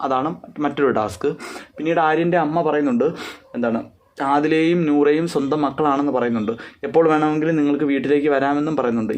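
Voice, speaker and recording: A man casually recapping a reality show episode, rambling along with frequent fillers and repeated reporting phrases. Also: mid-range voice.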